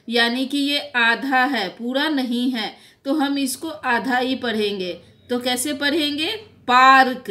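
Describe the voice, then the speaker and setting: Slow, bright-voiced woman Hindi teacher. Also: high-pitched. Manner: slow, patient, repeats and asks questions. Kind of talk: classroom lesson for young children.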